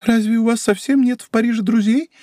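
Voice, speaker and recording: Man putting on a shrill pleading prosecutor's wife. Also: fairly even intonation, brisk, dark tone, no echo, studio quality. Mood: eager. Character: miserly lovestruck middle-aged prosecutor's wife.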